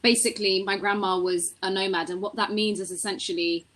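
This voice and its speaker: A woman on a panel telling a family story in a relaxed, chatty way, with repeated fillers. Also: mid-range voice, brisk, rough recording. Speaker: panel guest. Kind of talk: casual panel conversation.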